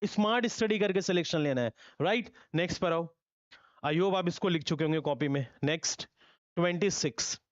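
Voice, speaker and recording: A young man teaching vocabulary in a lively class, repeating key phrases and quizzing his students. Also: fairly high pitch, moderate pace, no room sound, muffled recording. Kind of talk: lively online classroom lesson.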